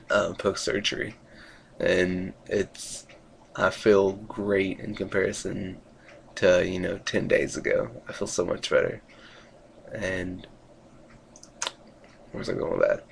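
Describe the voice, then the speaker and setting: A man's voice: low-pitched, creaky, slight background noise. A man talking casually in a video diary, rambling hesitantly and trailing off as he goes. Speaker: vlogger giving a recovery update.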